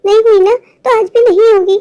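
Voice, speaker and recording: A stubborn young cartoon boy, voiced by a woman, insistent and protective. His voice is very high and childlike. He keeps reassuring the girl beside him. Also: fairly even intonation, moderate pace, warm tone, muffled recording. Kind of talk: animated cartoon voice acting.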